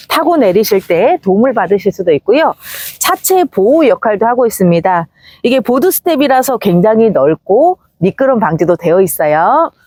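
A woman delivers a slick, upbeat used-car sales presentation in a fairly high voice. Her pitch swings in a very animated way as she walks through the vehicle. The sound is close and dry, with little room echo.

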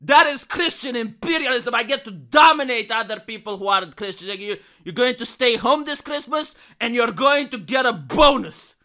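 Young man, hammy stage-actor delivery, pompous, high-pitched, piercingly bright, comedic dramatic reading. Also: lively intonation, normal speed, few pauses. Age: young adult. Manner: swings between hushed reading and loud declaiming. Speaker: comedic narrator. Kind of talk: dramatic reading with satirical commentary.

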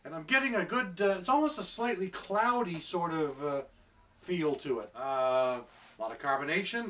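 A middle-aged man with a slightly high, sharp-toned voice reviews a beer in a chatty, casual way, hesitating often and filling pauses while he hunts for words. A camera some distance away records him in a small room at home.

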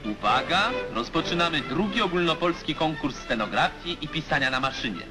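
A man's voice: a little high, lively intonation, a little fast. A man giving formal, declamatory narration for an old 1950s newsreel. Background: music.

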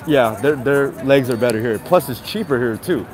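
Over music, a male vlogger speaks at a moderate pace in a medium-pitched voice, his nose stuffy. He walks along a city sidewalk at night, live-streaming from a handheld phone, and chats casually with his audience, greeting them repeatedly.

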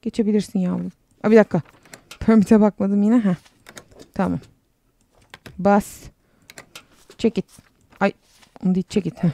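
A woman's voice: mid-range voice, fairly even intonation, normal speed, gravelly, pauses often, warm tone, slight background noise. A young woman casually commenting on a game while she plays, chatty and sarcastic, reading the game text aloud as she goes. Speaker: game streamer.

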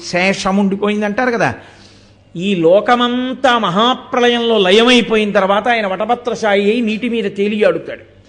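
His voice is high and fairly bright as he delivers a live devotional talk to listeners. This spiritual discourse speaker explains through rhetorical questions and quoted verses.

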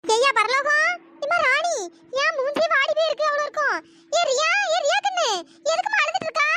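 A voice actor voicing an elderly cartoon grandmother who fusses and coaxes, with a pitch-shifted voice. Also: a little fast. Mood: coaxing. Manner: coaxing, fussing questions. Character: elderly grandmother, scolding yet doting. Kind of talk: cartoon storytelling dialogue. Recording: loud background noise.

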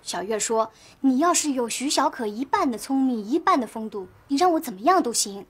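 An actress playing a chatty, teasing young office coworker in a TV drama. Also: female voice, high-pitched, animated, brisk, husky. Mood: gossipy. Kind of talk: TV drama acting.

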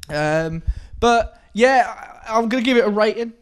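A man chatting casually as a podcast guest, rambling and halting, laughing often. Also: sits high, animated. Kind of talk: casual chat.

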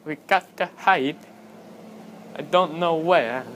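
A player chatting excitedly and incredulously during a hide-and-seek game. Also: mid-range voice, takes it slowly. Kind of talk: casual gaming chat. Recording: noisy home capture with clicks.

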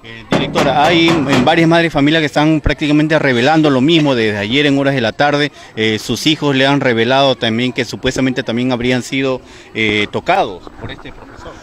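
A man's voice: mid-range voice, steady tone, brisk, a bit bright, a little hiss or hum. A man from Peru asking probing questions as a local news reporter.

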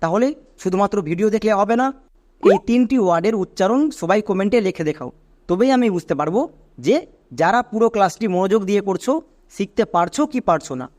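A man teaching English pronunciation in an online phonics lesson, patiently spelling words out letter by letter and checking with quick questions. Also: high-pitched, a little mellow.

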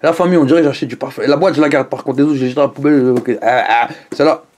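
A man reviewing food in a casual vlog, chatting to the camera at home with lively exclamations and asides to his viewers. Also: mid-range voice, racing, slight background noise.

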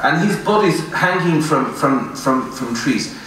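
A man's voice: on the high side, animated, unhurried, a bit bright. Earnest man preaching in echoey hall. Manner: earnest, pleading, gestures broadly, recites Quranic verses in Arabic. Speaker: imam giving a Friday sermon. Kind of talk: sermon. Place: indoor prayer room with woven screen backdrop. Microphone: stand mic near mouth. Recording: echoey room, voice a bit distant.

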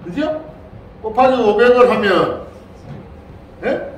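A man's voice: sits high, animated, slow pace, slight background noise. An older man, a Buddhist monk, gives a playful Dharma lecture to a congregation and keeps prompting his listeners with questions. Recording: very echoey hall, voice far from the mic.

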